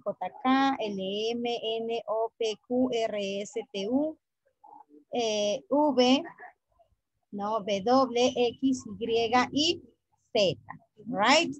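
Slow, patient woman teacher. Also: fairly high pitch, dry recording. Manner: slow and patient, repeats each point in English then Spanish; spells letters out slowly and deliberately. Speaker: English teacher. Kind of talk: online classroom lesson.

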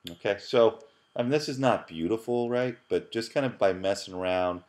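A deep-voiced man gives a relaxed screencast tutorial from his desk. He chats loosely, stopping to restart and repeat words as he clicks along. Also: moderate pace, a little hiss or hum. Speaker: computer science professor. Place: at his computer, voice-over on screen capture.

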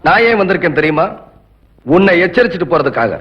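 An actor playing a defiant, righteous young champion of the poor in a film drama, firm and moralizing. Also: male voice, high voice, big pitch swings, fast talker. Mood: resolute. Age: young adult. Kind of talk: dramatic Tamil film dialogue. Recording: dull lo-fi film soundtrack.

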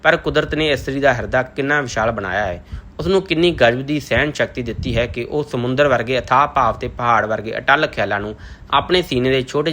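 A man narrating a novel aloud in a measured, literary reading style. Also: medium pitch, bright, forceful tone. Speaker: audiobook narrator.

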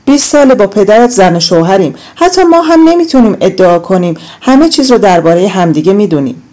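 A woman's voice: mid-range voice, very animated, natural voice. A woman reading an audiobook, voicing a worried middle-aged mother who lectures her daughter firmly. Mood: scolding. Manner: firm, admonishing, forceful.

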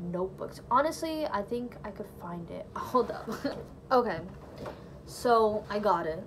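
Her voice sits on the low side, and the low-quality recording carries slight background noise. Talking casually to a nearby phone or camera in her small bedroom, this young Brazilian-family woman, a native Portuguese speaker, tells her faith story, laughing lightly and leaning on "like" and "you know."

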